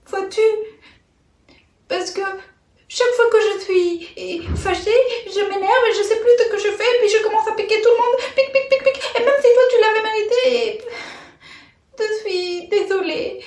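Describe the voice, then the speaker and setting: Woman as a tiny high-pitched storybook fly. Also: normal speed, darkish tone. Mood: earnest, excitable. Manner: eager, reassuring, childlike insistence. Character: tiny, kind, earnest female tsetse fly. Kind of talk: children's animal tale, played for toddlers. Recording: roomy, echoey sound.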